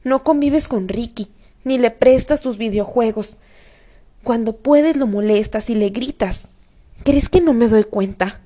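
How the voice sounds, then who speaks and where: A woman's voice: fairly high pitch, a little slow, warm tone. Woman reading a stern scolding father. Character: stern angry father scolding his son.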